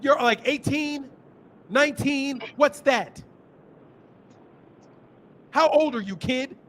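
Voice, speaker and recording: A boxing channel host in his fifties scolds and insults a caller during a heated live argument, repeating himself. His very high-pitched voice is slow and fairly bright.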